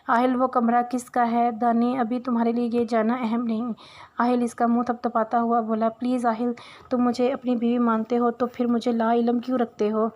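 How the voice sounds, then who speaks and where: A woman reading a romance novel aloud in a steady, even way, with small hesitations between lines. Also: on the high side. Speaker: novel reader.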